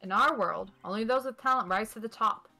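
A woman's voice: fairly high pitch, fairly quick, bright, forceful tone, soft background music. A woman streamer voicing a clumsy, loyal male police detective in a hammy read-along of a game. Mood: worried. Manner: hammy, laughs between lines.

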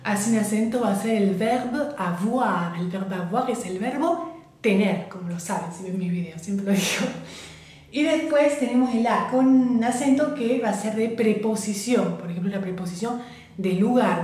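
A woman's voice: medium pitch, darkish tone. Woman, patient French teacher drilling words, very echoey room. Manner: patient, repeats words slowly for learners. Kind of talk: online language lesson.

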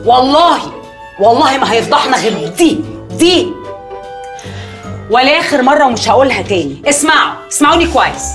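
A woman's voice: high voice, very animated, over music. An actress with an Egyptian accent playing a suspicious, lecturing middle-aged mother in a TV drama. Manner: sharp, lecturing, quick scolding. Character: scolding, suspicious mother of a grown family. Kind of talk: TV drama acting.

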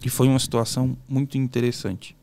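A man's voice: medium pitch, level tone, quick pace, gravelly, warm tone. A Brazilian man, a pastor guest on a podcast, telling a personal testimony in a casual, emotional, storytelling way with colloquial asides. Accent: Brazilian Portuguese.

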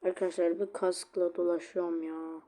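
A male gaming creator giving casual commentary over his match, chatty and quick to get annoyed when the game freezes. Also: high-pitched, level tone, dark tone. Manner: chatty, easily annoyed, swears at lag; repeats a sing-song catchphrase.

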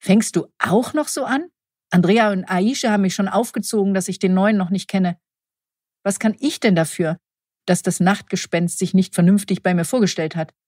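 A woman's voice: medium pitch, normal speed, darkish tone, breathy edge, no echo, studio quality, close to an everyday voice. A woman voicing a wry, sceptical female doctor.

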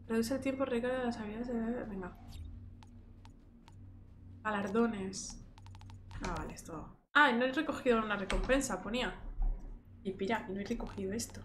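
Playing a game on stream, a young woman with a Spain Spanish accent shrieks and curses at what happens, then reads item menus aloud to herself. She speaks at a normal speed with frequent pauses in a fairly high voice, over a slight hiss or hum.

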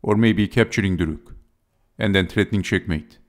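Guy with a lowish voice narrating a chess game, short choppy phrases move by move. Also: moderate pace. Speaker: chess video commentator. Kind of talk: scripted chess game commentary.

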